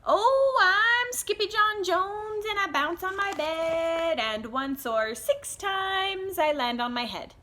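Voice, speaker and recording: Woman reader as a giddy little boy kitten, high and excited. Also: takes it slowly, hardly any pauses, heavily acted. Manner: excited, playful. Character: silly bouncy young boy kitten.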